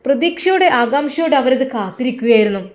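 A woman's voice: sits high, expressive, fast talker. Woman telling a story with a Malappuram accent. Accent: Malappuram Malayalam. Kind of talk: scripted story narration.

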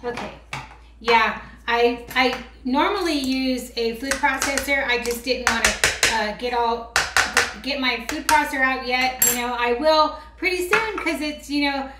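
A woman's voice: high voice, a little slow, very noisy. A woman vlogger chatting casually while making a craft, rambling and teasing herself as she goes. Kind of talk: casual how-to chat. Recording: roomy echo with faint clicks.

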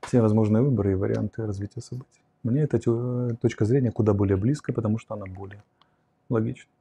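A man in his forties lectures on philosophy during a livestream, pausing to sketch on a whiteboard as he answers questions. His voice sits low with a very dark, mellow tone and a touch of huskiness. He is close-miked on a lapel in a quiet curtained room. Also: fairly even intonation, breathy edge. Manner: reflective, explains with a whiteboard, reads questions aloud then answers. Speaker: host answering viewer questions. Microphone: lapel mic.

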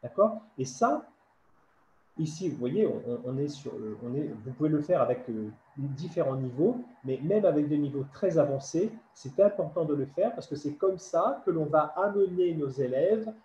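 A man with a fairly high but mellow voice explains classroom exercises to fellow teachers in a patient, step-by-step manner, often pausing to check that he is understood. The sound is roomy and a little dull, with faint noise underneath. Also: lively intonation. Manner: explanatory, many "d'accord?" checks. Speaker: French teacher trainer. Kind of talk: online workshop lecture. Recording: echoey dull webinar audio.

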